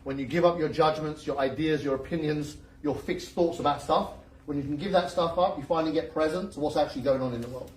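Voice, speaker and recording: Fast and fairly high-pitched, a man gives a motivational seminar talk full of jokes and rapid questions for the audience. Slight background noise is present, and the distant mic picks up an echoey room.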